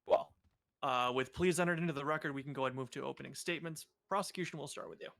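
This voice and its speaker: A man's voice: a little high, racing, vocal fry, a bit bright. A man role-playing a presiding judge, moving proceedings along in polite, informal procedural talk. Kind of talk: improvised courtroom role-play.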